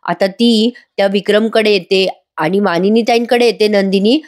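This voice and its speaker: Brief: woman narrating a serial recap, mid pitch, chatty asides to viewers. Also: steady tone, moderate pace, a little mellow. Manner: chatty, addressing viewers directly. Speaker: TV serial reviewer. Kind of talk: voice-over episode recap.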